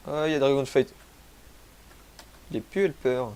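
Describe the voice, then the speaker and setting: This young man from France, a gaming youtuber, has a cold and sniffles as he rambles through commentary at his rural home, crude-slanged and self-mocking. His mid-range voice is clear, resonant, a little mellow, and moves at normal speed.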